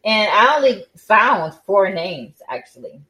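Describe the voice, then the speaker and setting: A woman's voice: medium pitch, sing-song, a little slow, sharp tone, low-quality recording. A woman hosting a podcast in casual chat, tired and yawning, with many fillers and restarts. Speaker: podcast host.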